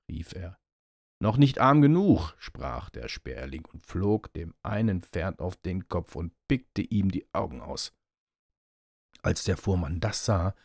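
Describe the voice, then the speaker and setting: A man reading a fairy tale aloud in a steady storytelling manner. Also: sits low, slightly rough, dry recording, studio quality. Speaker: narrator.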